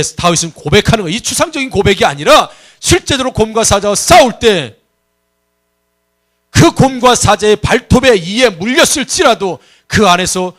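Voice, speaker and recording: A man with a notably high voice delivers a Sunday sermon as pastor. He is emphatic and keeps putting questions to the congregation. Now and then he tells a personal story and acts out the voices in it. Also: a bit bright.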